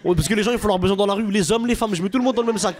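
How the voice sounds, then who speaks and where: A young man doing a stand-up comedy set in a club, animated and quick to burst into shouted impressions, with audience laughter behind him. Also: high voice.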